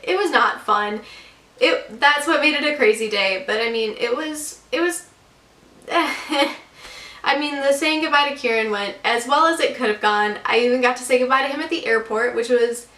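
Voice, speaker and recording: A woman's voice: a little high, sharp tone. A woman in her twenties telling a story to her vlog camera in a casual, chatty way, full of fillers like "like" and "um". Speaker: vlogger. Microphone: camera mic. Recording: roomy echo, camera mic at a distance.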